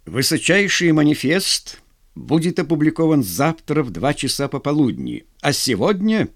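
A stern old general with grey, knitted brows, as a male narrator plays him. He speaks gravely and curtly, low and weighty, in a dry close storybook reading. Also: big pitch swings, normal speed, no echo. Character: older stern general, grey-browed prince.

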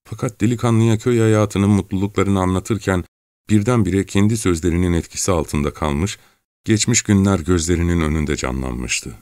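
Male audiobook reader, low voice, measured literary narration. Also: darkish tone, dry recording, clean studio sound.

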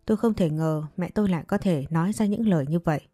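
A woman telling a first-person story in an even, steady, sorrowful manner. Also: fairly low pitch, fast, no room sound. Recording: dry voice with faint background music.

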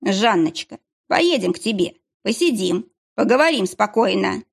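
Female reader playing a sulky, pleading ex-husband, slow and whining, husky edge. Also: medium pitch, animated, full character voice. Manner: drawn-out, whining delivery. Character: whiny, pleading ex-husband, middle-aged man.

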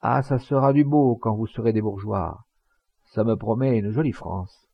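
A man reading an audiobook voices an indignant, rough countryman scolding a crowd loudly, in a gravelly, husky voice. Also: fairly low pitch, moderate pace, dry recording, muffled recording. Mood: scornful. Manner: scolding, loud, declamatory. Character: indignant rough Provençal countryman, middle-aged.

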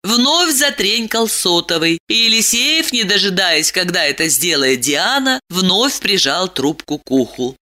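Woman audiobook narrator, dramatic, lively pitch. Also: measured pace, few pauses.

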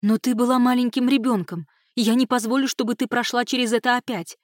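A woman's voice: a little high, steady tone, fast talker, no room sound, studio quality, pitched above the performer's own voice, natural voice. A woman reading an audiobook, voicing a stern aunt who answers firmly and snaps when pushed. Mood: firm, harsh. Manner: firm, defensive, snapping. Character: stern aunt, guarded and quick-tempered.

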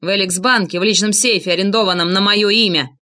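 A woman's voice: medium pitch, animated, moderate pace, fairly bright tone. A woman putting on a sneering brutish man. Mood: sneering threats. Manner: sneering, growling.

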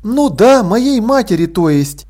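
A man voicing an awkward young prince at school who talks hesitantly and a little gruffly. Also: sits high, very animated, measured pace, darkish tone, voice pushed up, full character voice.

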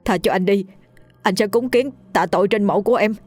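Woman doing shrill begging murderers. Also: brisk, darkish tone, close to an everyday voice. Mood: terrified. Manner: shrill panicked pleading, stammering. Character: two terrified male murderers begging.

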